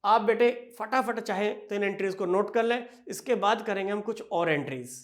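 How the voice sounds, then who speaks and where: Lecturing on accounting, a high-pitched man speaks warmly to his class and answers the questions he puts to them. When it's time to dictate entries, he slows right down and draws each one out.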